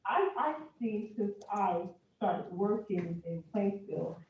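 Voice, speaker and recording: Slow-talking woman on a tinny call. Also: medium pitch, expressive, recorded from a distance, a little hiss or hum. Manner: hesitant, many ums. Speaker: caller. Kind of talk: public comment by remote call. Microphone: remote call. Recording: tinny phone line played into an echoey room.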